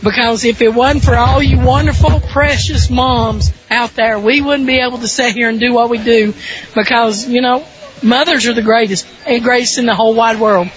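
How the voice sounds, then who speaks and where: A woman with a Southern American accent and a weak voice, giving folksy, conversational pregame softball commentary as a sports broadcaster. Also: on the high side, fairly even intonation, moderate pace. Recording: dull lo-fi radio broadcast sound.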